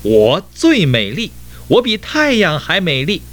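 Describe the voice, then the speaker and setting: A man voicing a vain, boastful rainbow that shouts back arrogantly in a children's story. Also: a little high, wildly swooping pitch, measured pace, pitched above the performer's own voice, full character voice. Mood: angry.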